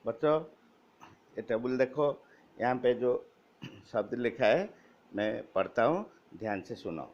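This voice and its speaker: A man teaching Hindi vowel signs to schoolchildren, slowly spelling out each sign and reading word lists aloud one word at a time. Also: medium pitch, animated. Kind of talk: Hindi grammar lesson for children. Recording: dull lo-fi recording.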